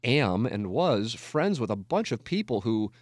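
On a clean, dry studio recording, a medium-pitched radio talk show host in his forties from Missouri, USA, speaks very animatedly at a measured pace. His talk is candid, reflective and casual, rambling and self-deprecating, with frequent swearing.

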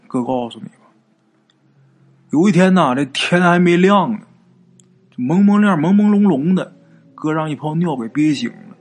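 A man voicing a boastful middle-aged village man who talks in a coarse, folksy way. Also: on the high side. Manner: coarse, swaggering folksy talk.

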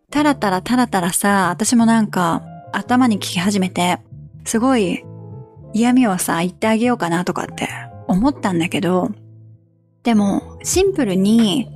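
A woman's voice: medium pitch, a little mellow. A woman hosting a casual advice podcast, frank and blunt, also coaching English pronunciation. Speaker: podcast host.

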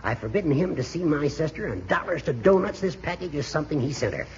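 A crotchety, crafty American judge, high and crackly. He is smug and theatrical on a muffled old radio comedy. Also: animated, fast talker. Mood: gleeful scheming. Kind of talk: 1940s radio comedy acting. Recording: muffled, hissy 1940s radio recording.

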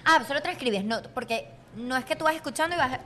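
A young woman reacts and asks questions in a casual chat with friends. Her voice is high and her speech is rapid. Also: lively intonation, sharp tone.

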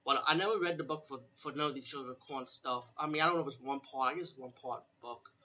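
This horror film retrospective host talks at a quick pace in a mid-range, bright, forceful voice, with a little hiss or hum. His unscripted review is casual and repetitive, with profanity and plenty of "you know." It's captured lo-fi and dull, with an air conditioner fan running in the room.

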